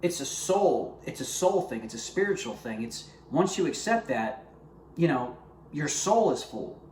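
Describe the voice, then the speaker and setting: A man's voice: fairly high pitch, very animated, a little slow, a little mellow, a little hiss or hum. A man earnestly sharing his personal faith testimony to camera and talking straight to his viewers. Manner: earnest, conversational, addresses viewers directly. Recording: roomy echo with faint ambience.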